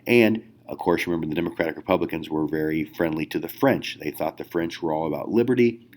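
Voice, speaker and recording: Low-voiced man giving a history lesson. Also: quick pace, a little mellow. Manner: conversational, many fillers, rhetorical questions. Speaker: history teacher. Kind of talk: recorded classroom lecture.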